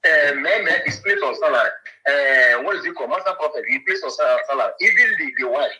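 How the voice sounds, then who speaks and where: A man's voice: a little high, animated, fast, sharp tone, slight background noise, poor audio. A man calling in to a talk show, heard through a phone on speaker, hesitant and full of fillers, often repeating himself. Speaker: caller. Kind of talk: call-in chat.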